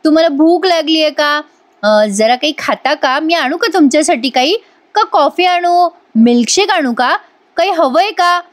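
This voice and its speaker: A talkative young wife pleads and pesters, piling up questions for her silent husband, as a woman reviewer acts her out. The voice sits high and lively, with an insistent, coaxing push. It is serial dialogue retold in a plain voice-over. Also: normal speed.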